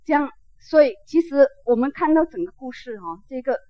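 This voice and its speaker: Woman teaching Buddhism, fairly high voice, chatty, filler sounds, checks in with listeners, dull dry sound. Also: expressive, fairly quick, no room sound. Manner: conversational, with frequent "ah" fillers and check-ins.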